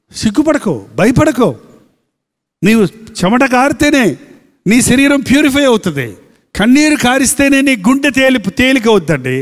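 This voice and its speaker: A pastor preaching a sermon with a Telugu accent, asking rhetorical questions and repeating phrases for emphasis. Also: male voice, sits high. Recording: long hall reverb.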